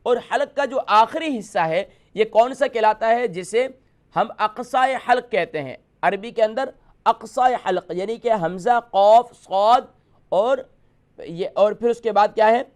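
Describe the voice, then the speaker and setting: A man hosting a televised call-in lesson, explaining and demonstrating letter sounds patiently, repeating his points. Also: high-pitched. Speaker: host teaching letter pronunciation.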